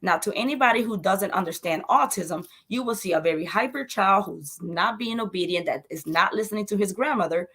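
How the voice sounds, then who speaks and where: A woman's voice: mid-range voice, a little fast, few pauses, a bit bright, slightly rough. Earnest mother speaking emphatically. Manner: earnest, emphatic, repeats herself. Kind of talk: interview conversation.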